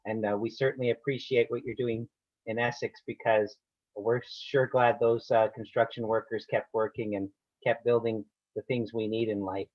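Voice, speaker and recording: A man's voice: lowish voice, level tone, normal speed, no room sound. Man on a group video call, meeting chair, courteous, dull muffled audio, dry and close. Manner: courteous, thanking and handing over. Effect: voice heard over a group video call. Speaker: meeting chair introducing speakers.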